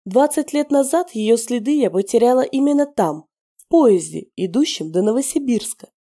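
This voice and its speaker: A woman's voice: animated, normal speed, warm tone. A woman playing a sneering spiteful werewolf matriarch. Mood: confessing. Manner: sneering, taunting, shrill when pressed. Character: scheming middle-aged female werewolf, spiteful and mocking.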